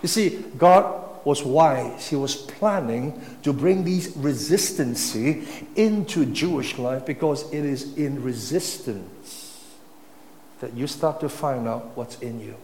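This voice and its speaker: A man's voice: mid-range voice, takes it slowly, slight background noise. Emphatic preacher man in echoey hall. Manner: emphatic, swings between loud and soft. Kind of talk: sermon. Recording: echoey hall, faint ambience.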